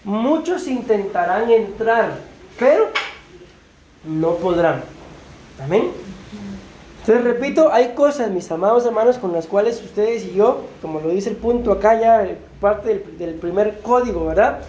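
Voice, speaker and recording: A woman's voice: mid-range voice, mellow, slight background noise. Woman preaching in an echoey church. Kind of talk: sermon. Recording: roomy church echo.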